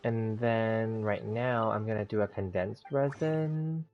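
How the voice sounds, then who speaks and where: A man's voice: on the low side, fairly even intonation, slow. A man chatting casually as he hosts a gameplay livestream, rambling through each step, with a slight lisp as if he just bit his tongue. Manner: rambling step-by-step self-narration. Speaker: live-streaming game host. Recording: dull, lo-fi sound, background music. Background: music.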